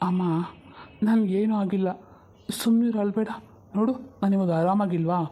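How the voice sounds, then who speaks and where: A woman's voice: medium pitch, steady tone, moderate pace, phone-quality sound, close to an everyday voice. A woman voicing a tired grown son who keeps soothing his mother. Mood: weary. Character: weary grown son and husband, hurt after a fall.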